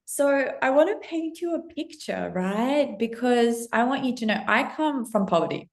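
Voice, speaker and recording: In her thirties and from Russia, this woman talks straight to camera as a spiritual business coach in an excited, casual monologue. Her voice sits a little high, expressive and at a moderate pace, and she comes across effusive and breathless, swearing freely and saying "like" a lot.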